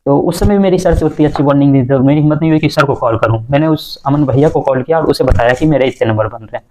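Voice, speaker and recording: A man's voice: mid-range voice, fast talker, darkish tone, a little hiss or hum, low-quality recording. A young man telling the story of his entrance exam day in a casual, hesitant way, with many fillers and restarts. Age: young adult.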